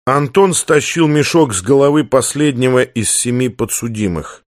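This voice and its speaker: A man reading a story aloud in a steady, plain narrating voice. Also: medium pitch, normal speed, no echo, clean studio sound. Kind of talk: audiobook narration.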